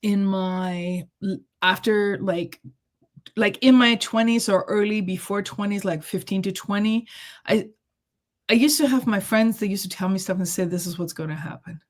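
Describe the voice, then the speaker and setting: A woman's voice: mid-range voice, moderate pace. A middle-aged woman raised in Germany, a guest healer telling her story in a chatty, casual interview, laughing often and leaning on fillers. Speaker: guest, intuitive reader and healer.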